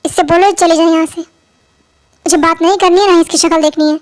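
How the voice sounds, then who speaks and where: A woman's voice: very high-pitched, fairly even intonation, moderate pace. A woman voicing a stern, angry father who speaks harshly in a fan-made audio drama dub. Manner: harsh, cold, scolding.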